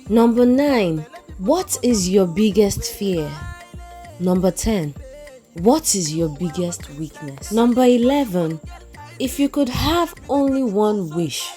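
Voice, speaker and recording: A woman presenting scripted instructional tips as a narrator, in a deliberate, clearly enunciated manner. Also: medium pitch, warm tone. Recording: music playing behind the voice. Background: background music.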